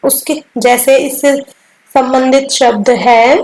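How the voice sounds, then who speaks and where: Slow, high-voiced woman teaching Hindi. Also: steady tone, a little mellow, roomy sound, poor audio. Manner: repeats each sound slowly and clearly. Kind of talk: slow instructional lesson.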